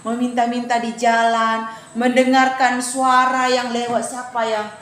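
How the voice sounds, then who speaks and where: Woman teaching little kids a bible story, high voice, slow, echoey classroom. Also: slight background noise. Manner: animated storytelling with questions to the class. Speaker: Sunday school teacher. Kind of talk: Bible lesson for young children.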